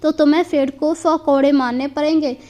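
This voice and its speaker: A woman voicing a sun god disguised as an ordinary man in a storybook tale, speaking calmly and reasoning patiently. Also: high-pitched, normal speed, natural voice. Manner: calm, reasoning. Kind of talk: storybook character voice.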